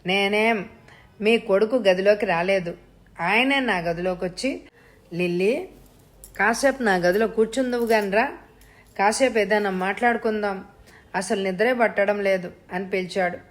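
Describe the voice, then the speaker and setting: A scheming young woman, played by a woman narrator, coaxing and soft in a near-everyday voice. Her manner turns sharply indignant when she is crossed. She is a figure in a suspense audio story. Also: medium pitch, normal speed, pauses often, close to an everyday voice. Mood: defensive.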